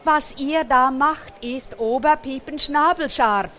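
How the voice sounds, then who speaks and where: A high, fluttery cockatiel , put on by a woman reading aloud, who wails over every misfortune. He talks in theatrical, tumbling laments, his voice lifted well above her own. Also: slow, bright, forceful tone, a little hiss or hum, heavily acted. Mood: distraught. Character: fretful male cockatiel, dramatic and wailing. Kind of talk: read-aloud storybook.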